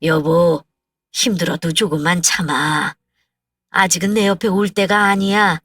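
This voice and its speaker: A woman voicing a gruff, short-tempered older husband in a storybook tale, speaking brusquely, from a distance in a dry space. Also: fairly low pitch, fairly even intonation, measured pace, dry recording. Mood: gentle. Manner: brusque, scolding, then gentle.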